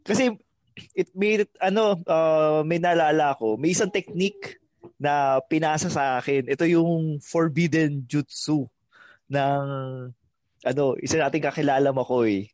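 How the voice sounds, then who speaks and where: A man's voice: fairly high pitch, a little slow, a little mellow, no echo. A man co-hosting a podcast, telling a story in a rambling, hesitant way and giggling. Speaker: podcast co-host. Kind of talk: casual storytelling.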